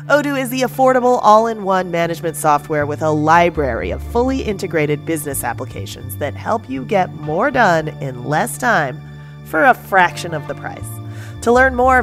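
Polished woman reading podcast ads. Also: fairly low pitch. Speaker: podcast announcer. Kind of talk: scripted ad read. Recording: faint music bed.

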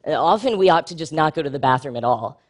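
A man speaks at a quick pace in a prepared talk before an audience. His humor is wry, his manner frank, and emphasis comes through lively pitch jumps.

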